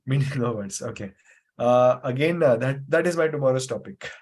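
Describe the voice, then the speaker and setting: Teaching a live memory class online over video, a man explains with patience, repeats points and uses many fillers. His medium-pitched, slightly mellow voice is animated, at a moderate pace.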